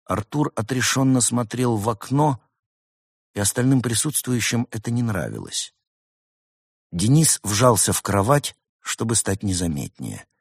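A man reading a storybook aloud in a measured, wry narration. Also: fairly low pitch, sing-song, slightly rough, no echo, studio quality.

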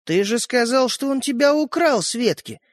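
A man's voice: extremely high pitch, animated, moderate pace, no room sound, studio quality, pitched above the performer's own voice. A man voicing a thoughtful, easily hurt young boy in a storybook, asking questions. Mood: questioning, hurt.

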